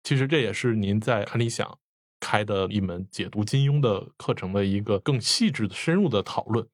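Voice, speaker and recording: A man's voice: fairly low pitch, normal speed, dry recording, clean studio sound. A man hosting an interview, asking polite, articulate questions of his guest. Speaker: interviewer host.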